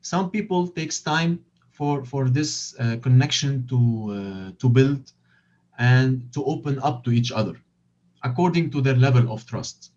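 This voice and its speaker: Halting non-native English-speaking man, dull compressed audio. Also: medium pitch, expressive, darkish tone. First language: not English. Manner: halting, searching for words with repeated phrases. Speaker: interview guest explaining his field. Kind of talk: explanatory interview answers.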